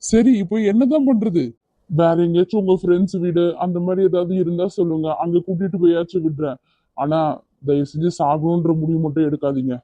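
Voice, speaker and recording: A kind young man in a cartoon, voiced by an actor, talking firmly but gently and coaxing without letup. His voice is mellow and middle-pitched, recorded dry and close. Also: fairly even intonation, a little fast, dry recording, dull audio, close to an everyday voice. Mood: gentle coaxing. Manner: firm yet gentle, coaxing. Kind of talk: cartoon voice acting.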